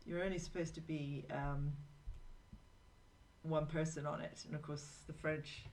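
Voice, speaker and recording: Low-voiced chatty woman drawing live. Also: fairly even intonation, measured pace, darkish tone, a little hiss or hum, poor audio. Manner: rambling, anecdotal, talks to viewers while working. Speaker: live drawing show host. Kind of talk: chatty live-stream narration while drawing.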